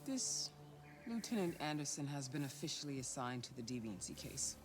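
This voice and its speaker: An actress playing a cool, authoritative handler of an android detective, speaking deliberately over game music. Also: female voice, rumbling low, sing-song. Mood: commanding. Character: cool commanding artificial handler woman. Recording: game audio with music behind.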